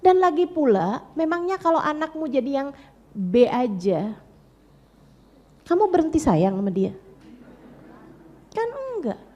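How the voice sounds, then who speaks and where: A woman's voice: high-pitched, very animated, unhurried, pauses often, dark tone, lo-fi sound. A woman preacher giving an emphatic sermon to mothers, repeating lines for stress and acting out what parents say. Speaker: Islamic preacher.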